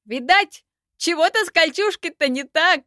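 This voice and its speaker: A woman voicing a nosy, sharp-eyed young male companion who presses his questions in a shrill, suspicious voice. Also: expressive, moderate pace, no room sound, clean studio sound, full character voice. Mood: prying.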